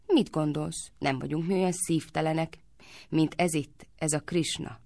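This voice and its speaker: A woman's voice: deep voice, fairly even intonation, creaky, warm tone, no echo. Woman reading as a spirited wry young girl. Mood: indignant. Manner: wry, quick to retort. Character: spirited sweet young village girl Radhika.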